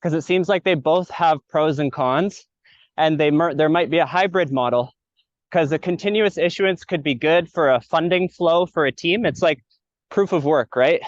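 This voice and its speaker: A man's voice: on the high side, normal speed, no room sound. A man asking a question on a group call while out of breath from hiking uphill. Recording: dry lo-fi call audio.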